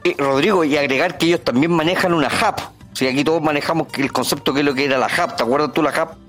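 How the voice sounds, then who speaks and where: Man, host, conversational, slightly high voice, faint music behind. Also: fast talker, fairly bright tone. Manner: conversational, asking questions. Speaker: podcast host. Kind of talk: podcast discussion.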